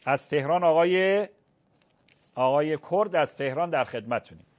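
A man who is a cleric answering callers' religious questions on a call-in show, speaking slowly and deliberately and repeating phrases to teach them. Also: fairly high pitch, animated, dull audio.

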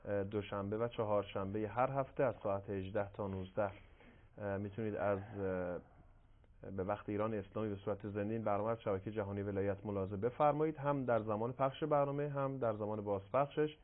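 Low-pitched man as live TV host, halting delivery, thin phone-like audio. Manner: measured, hesitant with frequent fillers. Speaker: program host reading viewer questions. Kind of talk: live broadcast hosting. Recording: tinny phone-like broadcast audio.

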